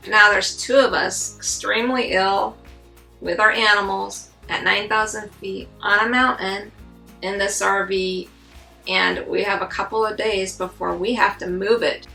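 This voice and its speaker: A woman's voice: medium pitch, gravelly, bright, forceful tone. A middle-aged woman telling a personal story in a casual, earnest and candid way, as a vlogger. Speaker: vlogger recounting RV life. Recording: slightly distant mic, music underneath.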